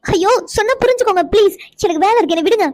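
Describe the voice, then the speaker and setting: A woman's voice: very high voice, racing, no echo, studio quality. A woman voicing a shy, stammering young village girl. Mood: frightened. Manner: stammering, pleading. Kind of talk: cartoon voice acting.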